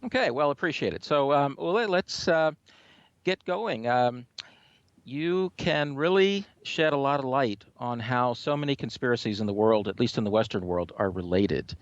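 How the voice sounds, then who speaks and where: A man's voice: mid-range voice, animated, normal speed, dry recording, lo-fi sound. A man hosting a radio talk show, introducing his guest and asking questions in a hesitant way with lots of fillers. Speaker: host.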